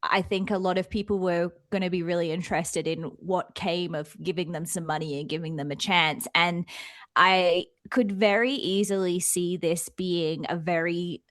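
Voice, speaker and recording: A woman's voice: fairly low pitch, fairly even intonation, moderate pace, a bit bright, dry recording, clean studio sound. Laughing Australian woman in casual podcast chat. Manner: chatty, laughs often. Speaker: podcast co-host. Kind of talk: casual film discussion.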